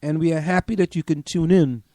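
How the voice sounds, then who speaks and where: A man's voice: on the high side, fairly even intonation, brisk, mellow, no room sound. A man, a professor co-hosting an online radio show, talking emphatically and repeating words as he thinks aloud. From Trinidad and Tobago. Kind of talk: casual radio chat.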